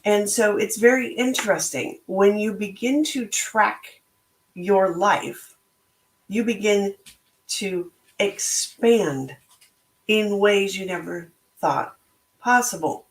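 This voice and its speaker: Speaking alone in an echoey room, a podcast host and book club organizer reflects on things at a slow pace. Her mid-range voice is slightly hoarse, and her delivery is thoughtful and motivational.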